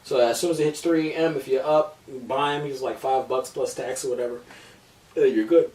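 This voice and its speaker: A man in his thirties hosting a casual gaming podcast, talking in a profane, joking, animated way. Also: medium pitch, a little fast. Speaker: podcast host. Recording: roomy distant mic with faint noise.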